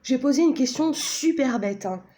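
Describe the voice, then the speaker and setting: A woman's voice: sits high, expressive, normal speed, mellow. A woman casually presenting a pendulum and a card deck, talking hesitantly with many fillers and tag questions, chatty and self-mocking.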